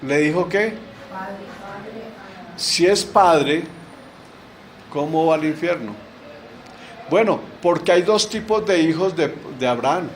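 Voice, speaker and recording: A man's voice: a little high, slight background noise, poor audio. A middle-aged man preaching a sermon in a church, asking rhetorical questions and answering them with emphasis.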